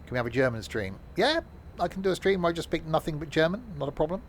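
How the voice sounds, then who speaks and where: There's slight background noise as this man, his voice a little high, talks fast and animatedly. Playing a train simulator on stream, he offers loose, rambling commentary and pokes fun at himself.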